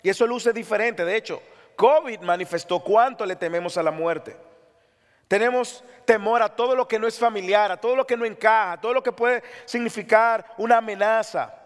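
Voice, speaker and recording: A man's voice: high-pitched, moderate pace, long reverb tail. A man preaching an impassioned sermon as pastor, reading scripture aloud. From Latin America.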